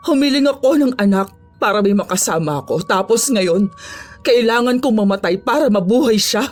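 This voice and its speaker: A woman's voice: medium pitch, animated, normal speed, soft background music, close to an everyday voice. A woman voicing a desperate, grieving mother who pleads and accuses through tears in a horror audio story. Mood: anguished. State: crying.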